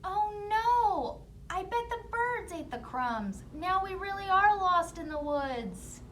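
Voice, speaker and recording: Woman doing a high, earnest storybook child. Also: very animated, a little slow, fairly bright tone, slight background noise, full character voice. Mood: anxious. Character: young children lost in woods, earnest and wary.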